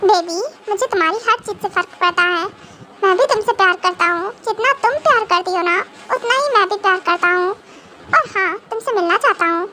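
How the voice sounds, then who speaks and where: A woman's voice: very high voice, bright, forceful tone, a little hiss or hum. A woman voicing a young man soothing his girlfriend on the phone in a fan audio drama, coaxing and reassuring. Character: young female boyfriend type, soothing and teasing.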